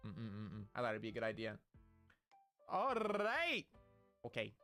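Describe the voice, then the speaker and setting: A man's voice: lowish voice, level tone, fast talker, a bit bright, smooth, soft background music. A man streaming live, chatting in a hyped, playful, rambling way about his model and schedule. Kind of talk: casual live-stream chat.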